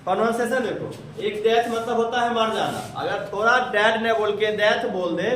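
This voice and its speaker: Here a Bihari-accented man runs an English class, asking his pupils questions again and again. His high-pitched, fairly bright voice moves at normal speed, caught on a distant mic in an echoey room from across the space.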